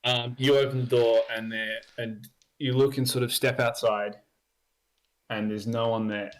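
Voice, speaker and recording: A man's voice: medium pitch, steady tone, measured pace, slight background noise. A young man narrating as dungeon master, hesitant with many ums and likes. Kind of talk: narrating a tabletop game.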